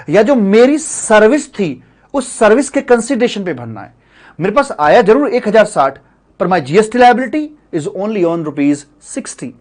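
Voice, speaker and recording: A middle-aged man teaching tax law in a chatty classroom lecture, full of rhetorical questions and friendly asides to students. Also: high-pitched. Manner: calls students sir and buddy.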